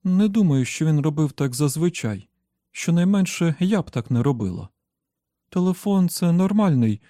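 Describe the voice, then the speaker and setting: A man reading an audiobook, voicing an anxious, excited young woman in a strained, flustered way. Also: a little high, moderate pace, no echo, studio quality, lightly acted. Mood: doubtful. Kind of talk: audiobook character voice.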